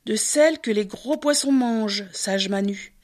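A woman voicing a small magical golden fish that speaks gently and calmly in a storybook tale. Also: fairly high pitch, unhurried, natural voice. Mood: gentle. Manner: gentle, calm, pleading.

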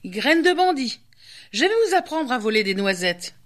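A woman's voice: on the high side, big pitch swings, moderate pace, fairly bright tone. A woman voicing a greedy child-eating witch who sneers, cackles and shrieks. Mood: mocking.

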